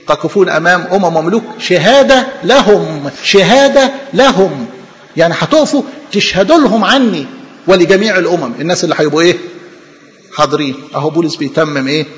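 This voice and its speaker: A man with an Egyptian Arabic accent preaching a sermon, animated, throwing rhetorical questions to the congregation. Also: fairly high pitch, in a large hall.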